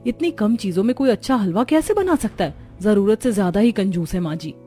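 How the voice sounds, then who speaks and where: A mellow, patient young daughter-in-law. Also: male voice, sits high, lively intonation, fairly quick, faint music behind, voice pushed up. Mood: grumbling. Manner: polite, pleading. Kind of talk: storybook narration.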